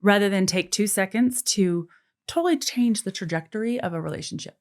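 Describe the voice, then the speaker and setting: A brisk, mid-range female voice belongs to an author and adoptive mother in her forties from an American military family. Appearing on a casual podcast, she speaks earnestly and thoughtfully, repeating words here and there as she works through her ideas.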